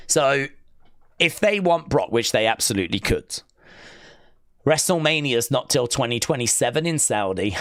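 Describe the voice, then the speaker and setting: This wrestling watch-along streamer speaks at a medium pitch with a fairly bright tone, captured in studio quality without any room sound. Sounding weak from what seems like a cold, he rambles hesitantly through the live stream while reading out chat messages.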